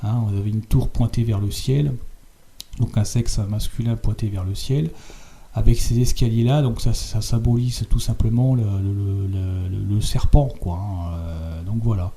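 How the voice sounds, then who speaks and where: A man with a very dark, gravelly voice talks through images shown on screen. He hesitates a lot and repeats words as he goes. He keeps pressing his point with tag questions at the ends of his phrases. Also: lowish voice, steady tone, a little slow. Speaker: video host. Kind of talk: spoken commentary over on-screen images.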